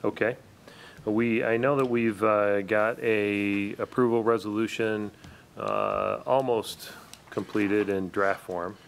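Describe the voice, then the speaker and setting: A man chairing a town planning board meeting in a relaxed, casual way with plenty of fillers. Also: fairly low pitch, slow pace, vocal fry. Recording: faint background noise.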